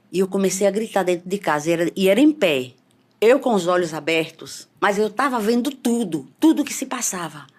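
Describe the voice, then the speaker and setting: A woman's voice: lowish voice, darkish tone. Fervent woman telling her testimony. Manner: repetitive, fervent, voice rising when reliving scenes. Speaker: church member giving testimony. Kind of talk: emotional testimony storytelling.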